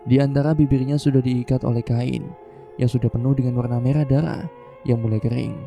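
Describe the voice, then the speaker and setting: A man reads a first-person horror story in slow, measured scripted narration. His voice is very dark and mellow, and soft music runs faintly behind him. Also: medium pitch, steady tone, vocal fry. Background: faint background music.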